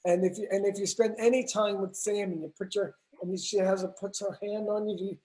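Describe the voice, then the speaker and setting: A woman's voice: mid-range voice, steady tone, brisk, mellow, low-quality recording. A woman hosting a live-stream video chat, effusive and gushing with praise. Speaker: host.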